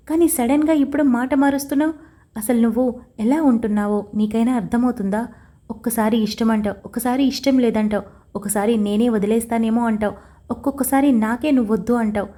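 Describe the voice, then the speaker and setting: A woman's voice: a little high, brisk, dark tone, close to an everyday voice. A woman reading the lines of a stern, blunt young husband in an audio story, demanding answers directly.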